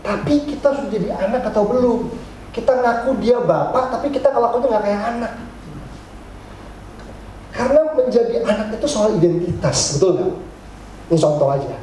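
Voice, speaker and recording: A middle-aged male pastor giving a lively, joking sermon, acting out his congregants' complaints. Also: high-pitched, normal speed, long pauses, a little hiss or hum. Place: church hall. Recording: very echoey church hall.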